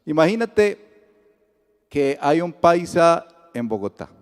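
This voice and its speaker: A Colombian-accented pastor delivers a sermon in a church sanctuary, his voice slightly high and slow as it fills the large hall. He tells the story in a lively way, acting out the dialogue as he goes.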